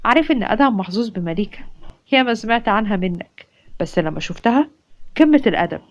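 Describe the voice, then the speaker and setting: A woman's voice: fairly high pitch, lively intonation, quick pace, close to an everyday voice. A woman with an Egyptian Arabic accent voicing an easygoing, earnest young man who is smitten.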